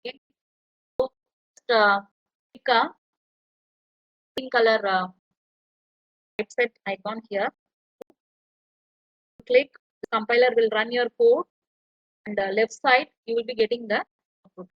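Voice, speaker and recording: A woman's voice: a little high, fairly even intonation, unhurried, pauses often, no room sound, dull audio. A woman lecturer, explaining step by step as she types in an online tutorial. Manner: explains step by step while typing.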